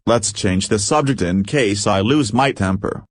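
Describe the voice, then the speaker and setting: A man's voice: lowish voice, a little slow, no echo, clean studio sound. A man doing a blustering old landowner. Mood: scornful. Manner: blustering, hot-tempered. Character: older fussy quarrelsome landowner father.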